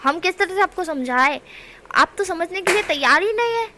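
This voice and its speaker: A woman voicing a stubborn male vegetable seller who firmly refuses to lower his price. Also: lively intonation, moderate pace, sharp tone, a little hiss or hum, exaggerated voice. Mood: firm, exasperated.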